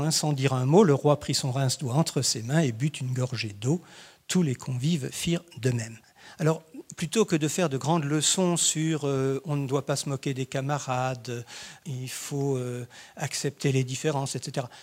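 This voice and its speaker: A man giving a spoken lecture on teaching, reflective and full of hesitations and tag words. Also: medium pitch.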